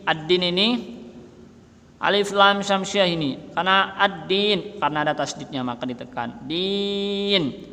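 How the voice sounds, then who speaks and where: A man teaching Quran recitation rules, explaining patiently and chanting the verses slowly and melodically. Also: fairly high pitch, bright, forceful tone, big-room sound. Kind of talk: tajwid lesson with chanted recitation.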